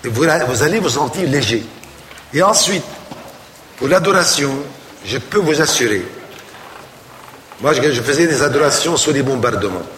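A man, a priest, preaching a sermon with animated storytelling. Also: mid-range voice, moderate pace, pauses often, roomy sound, big-room sound, a little hiss or hum.

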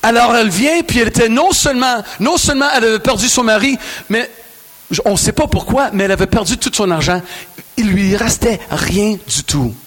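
High-voiced Québécois preacher. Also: male voice, fairly quick. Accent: Québécois French. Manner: animated, joking with the crowd. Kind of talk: lively sermon. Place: large hall with a crowd.

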